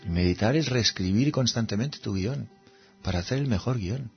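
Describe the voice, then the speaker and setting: Husky-voiced man from teaching meditation. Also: fairly low pitch, moderate pace, highs cut off, soft background music. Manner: conversational, asks rhetorical questions, acts out little scenes. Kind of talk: reflective spiritual talk.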